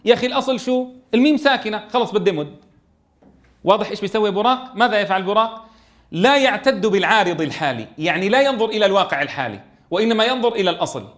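A man's voice: high-pitched, lively intonation, racing, fairly bright tone. A man teaching a tajweed lesson in a classroom, keeps asking his students questions and answering them himself. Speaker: Quran recitation teacher.

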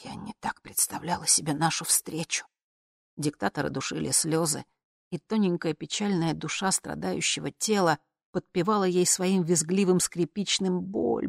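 An audiobook narrator reading an expressive, tormented story with dramatic swings between muted and loud. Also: mid-range voice, vocal fry, dry recording, clean studio sound.

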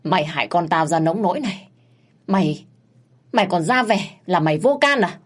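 A frantic older mother in a storybook drama, shrieking with grief and rage, as a woman puts her on. Her voice is husky and strained, climbing high whenever she cries out. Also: expressive, moderate pace. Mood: wailing, furious. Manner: wailing, shrill accusations. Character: grieving furious old mother, shrieking.

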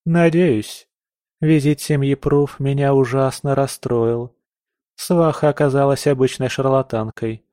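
A man's voice: medium pitch, steady tone, a little slow, dark tone, no echo, natural voice. A strict countess lectures her daughter in a raised, stern audiobook voice, as a male narrator puts her on. She sounds complaining and commanding. The recording is dry and close. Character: strict aristocratic countess mother, middle-aged woman. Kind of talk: audiobook character voice.

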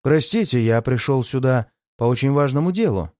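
A man doing a calm, resolute detective. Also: mid-range voice, no room sound, studio quality, lightly acted. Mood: calm firm. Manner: calm, firm, measured.

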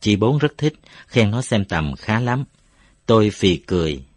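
A man with a low voice reads a novel aloud in a steady, measured way. His narration is scripted and even. The recording is dry and close. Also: no echo. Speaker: audiobook narrator.

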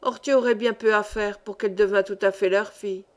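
A woman's voice: medium pitch, steady tone, brisk, lightly acted. A woman reading as a cheerful joking young miner. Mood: earnest. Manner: bantering, laughing. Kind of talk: audiobook dialogue reading.

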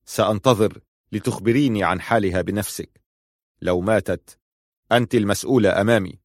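Narrator doing a commanding male leader with a protective streak, low, dry close voice. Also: brisk, dry recording. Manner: firm, clipped orders softening to gentle reassurance. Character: stern protective male clan leader, commanding yet tender.

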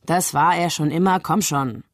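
A woman's voice: sits low, normal speed, no room sound. A woman voicing a teasing young man, a wisecracking brother with mock-dramatic jokes, read in a dry studio. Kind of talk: literary reading.

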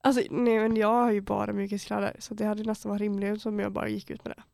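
A teenage girl under eighteen from Borås, Sweden, tells a casual story on her podcast, heavy on slang, swearing and acted-out quotes. Her voice is medium in pitch, creaky and darkish, delivered flatly in a dry recording.

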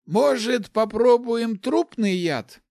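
A man voicing a high-strung male mage who hisses out his schemes in a storybook reading. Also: lively intonation, takes it slowly, gravelly, a little mellow, no echo, studio quality, full character voice. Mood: scheming.

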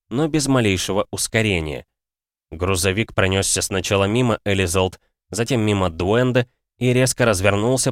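Man reading a novel aloud, lowish voice, dry close mic. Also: no room sound. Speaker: narrator. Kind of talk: scripted audiobook narration.

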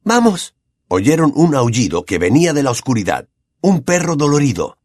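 A man with a Latin American accent narrating an audiobook with expressive, dramatic storytelling. His voice is somewhat husky and his pitch moves a lot, recorded dry and close. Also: brisk, dry recording. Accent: Latin American Spanish.

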